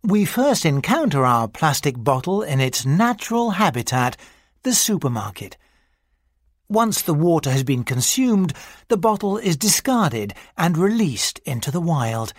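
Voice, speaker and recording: A narrator reading a mock-serious nature documentary script for a listening exercise, in a measured, scripted delivery. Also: mid-range voice, very animated, no echo, studio quality.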